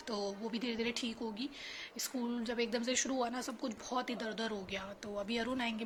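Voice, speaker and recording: A woman's voice: fairly high pitch, slight background noise. A young woman vlogging casually at home, chatting and venting about her frustrations. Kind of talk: casual vlog chat. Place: home kitchen.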